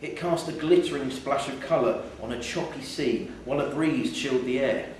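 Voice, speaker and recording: A man reading a literary short story aloud at a live theatre event keeps to a moderate pace with a medium-pitched voice, indoors. His words reach a distant microphone, producing a very echoey recording and faint noise.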